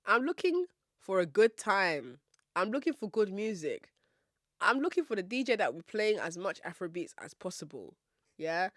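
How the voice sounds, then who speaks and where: A woman's voice: mid-range voice, big pitch swings, normal speed, fairly bright tone, no echo, clean studio sound. A young woman from Nigeria hosting a podcast, telling a story in a playful, sassy, confident way. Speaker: podcast host. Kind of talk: casual storytelling monologue.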